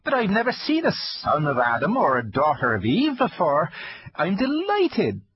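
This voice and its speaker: A man's voice: wildly swooping pitch, moderate pace, husky, full character voice. A man voicing a timid, courteous male fawn who is fussy and easily flustered. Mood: fussy polite. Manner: flustered, courteous, high and fluttering. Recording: dull lo-fi dry recording.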